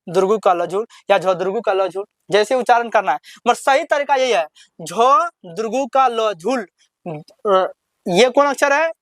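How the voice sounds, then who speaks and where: A man teaching children to read Hindi over slides, asking questions and answering them himself, and spelling words out slowly syllable by syllable. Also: very high-pitched, no echo, studio quality. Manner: repetitive call-and-response questioning; slow drawn-out syllable-by-syllable reading. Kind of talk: classroom lesson over slides.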